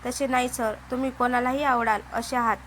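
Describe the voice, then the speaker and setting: A woman's voice: a little high, steady tone, fairly quick, fairly bright tone, slight background noise, lightly acted. A woman voicing a modest, hesitant divorced woman who keeps turning down a proposal. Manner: hesitant, pleading.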